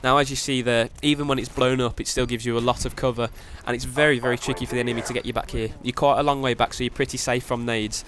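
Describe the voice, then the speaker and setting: Over game gunfire and explosions, a young male gaming commentator with a nasal, cold-affected voice gives tips at a quick, even pace. His voice is mid-range, he keeps saying "very, very", and there's slight background noise.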